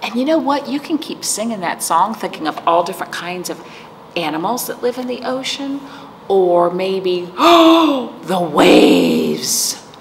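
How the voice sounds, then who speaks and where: Very animated yet unhurried, a middle-aged woman in a mid-range voice chats with young children at storytime, explaining and asking them many questions. She's in an indoor library room with a decorated wall, where the echoey sound includes clear background noise.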